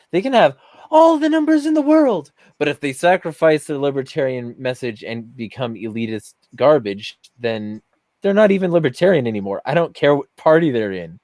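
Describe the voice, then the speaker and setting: A man's voice: medium pitch, a little mellow, no echo. Profane ranting man, dry sound. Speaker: podcast host. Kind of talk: heated casual chat.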